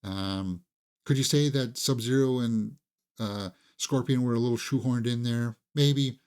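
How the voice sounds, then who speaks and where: A man with a mid-range voice leads a casual film review in a conversational style. Enthusiastic and opinionated, he tends to repeat words here and there while he thinks aloud.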